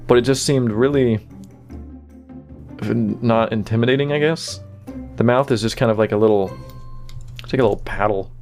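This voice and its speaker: A man giving casual behind-the-scenes commentary on his own animation, relaxed and full of fillers like "you know" and "kinda". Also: medium pitch, normal speed, faint music behind.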